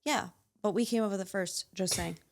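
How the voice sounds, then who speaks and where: A woman's voice: mid-range voice, brisk, gravelly. A woman in her thirties co-hosting a podcast, chatting casually and swearing freely. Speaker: podcast co-host. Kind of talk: casual chat.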